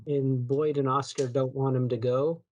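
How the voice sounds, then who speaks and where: A man's voice: medium pitch, flat delivery, moderate pace, a little mellow, muffled recording. A man co-hosting a podcast, chatting casually about video games in a rambling, self-correcting way. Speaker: podcast co-host.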